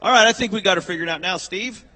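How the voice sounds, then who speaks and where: A man's voice: high-pitched, fast talker, pushed and bright, poor audio. A man interviewing a race winner in victory lane, folksy and chatty. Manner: folksy, repeats "I tell you what". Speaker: track-side interviewer.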